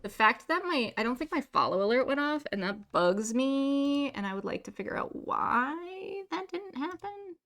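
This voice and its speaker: A woman's voice: high voice, big pitch swings, normal speed, hardly any pauses, a bit bright. A woman chatting casually as a game streamer, welcoming viewers as she plays. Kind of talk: casual livestream chat and reading game dialogue aloud.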